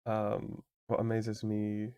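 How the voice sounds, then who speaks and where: Man, somewhat low voice, casual game streamer, rambling explainer, lots of filler words. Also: monotone, slow pace, mellow, smooth. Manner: rambling, explanatory, heavy use of "like". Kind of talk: casual chat while playing a game.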